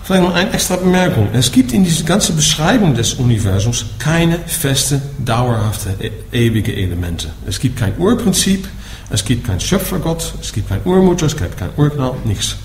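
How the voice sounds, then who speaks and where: With big swings in pitch across a mid-range voice, a man from the Netherlands gives a dharma talk in German at normal speed, barely pausing. His Dutch accent is clear, and he explains patiently, asking "ja?" after almost every point. The room is echoey with faint noise.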